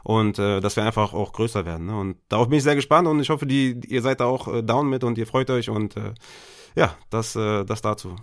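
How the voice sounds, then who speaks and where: A man's voice: lowish voice, brisk. A man co-hosting a podcast, talking loosely and colloquially with many fillers and restarts. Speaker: podcast co-host. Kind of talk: casual podcast chat.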